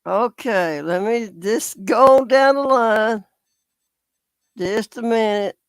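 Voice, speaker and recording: A dry recording captures a slow, medium-pitched YouTube commentator reading comments to his viewers and declaring them ridiculous. His talk is casual but indignant and exasperated, and he repeatedly calls the audience "folks."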